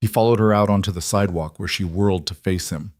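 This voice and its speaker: A man narrates a romance drama in a measured, dramatic storytelling manner. His voice sits low and the recording is close and dry. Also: a little mellow, dry recording. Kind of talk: scripted narration.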